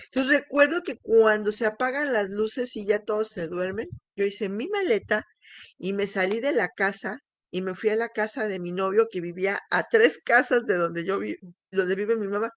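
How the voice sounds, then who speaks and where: A woman's voice: medium pitch, normal speed, fairly bright tone, no room sound. A middle-aged woman, telling a candid, emotional personal testimony, with restarts and laughs. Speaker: speaker sharing her testimony.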